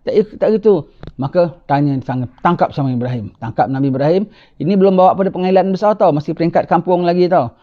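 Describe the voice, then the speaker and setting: A male religious teacher tells a story in a sermon, animated and chatty. He keeps checking in with his listeners with a quick "ha?". His voice sits a bit high, and the recording sounds dull and lo-fi. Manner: animated, tags lines with rhetorical "ha?".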